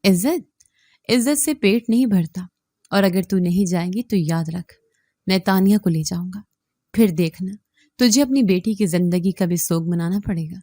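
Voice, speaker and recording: A woman voicing an abusive middle-aged father who shouts harsh threats in a raised, loud voice. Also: on the low side, no room sound, studio quality, close to an everyday voice. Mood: furious, threatening.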